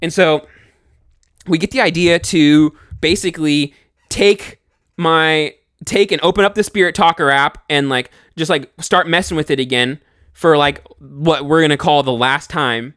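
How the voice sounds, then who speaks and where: Young man, casual scary storytelling, animated, swears a lot, fairly high voice, dry close sound. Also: measured pace, clean tone, no echo. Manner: animated, swearing, many fillers and restarts.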